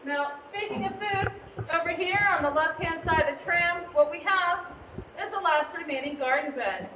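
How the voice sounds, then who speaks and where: Echoey, very high-pitched woman tour guide. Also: moderate pace. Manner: explanatory, addressing a group. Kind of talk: scripted tour narration. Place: inside a cave on a tram tour. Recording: echoey cave, distant mic, faint noise.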